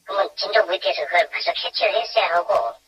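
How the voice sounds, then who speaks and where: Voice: mid-range voice, expressive, fast, breathy edge, muffled recording. An anonymous caller speaking through an electronically disguised voice in a phone-in interview, blunt and full of rhetorical questions. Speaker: anonymous caller, former maritime safety worker.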